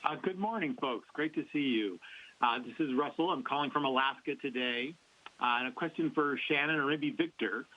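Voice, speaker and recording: A man's voice: mid-range voice, moderate pace. A man calling in as a reporter, putting a question at a press event over a remote line. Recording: dull radio-like call-in line.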